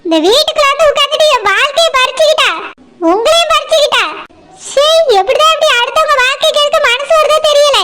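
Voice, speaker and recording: A voice actor doing a jealous middle-aged village wife in a cartoon, scolding in a piercing, very high voice with a Tirunelveli Tamil accent. The recording carries a steady background hiss. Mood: bitter. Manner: shrill, scolding and bitter.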